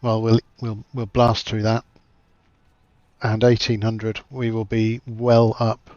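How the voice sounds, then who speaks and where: A man's voice: on the low side, completely flat delivery, takes it slowly, a little mellow, no room sound, dull audio. A man giving casual livestream commentary as he plays a flight simulator, thinking aloud in a chatty, self-deprecating way.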